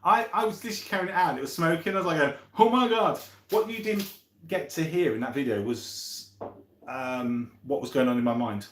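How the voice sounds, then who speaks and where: A man in his fifties hosts a casual live stream, reading out viewer comments and answering them in a rambling, chummy way, as if thinking aloud. His voice is fairly high and a little fast, with a roomy echo around it.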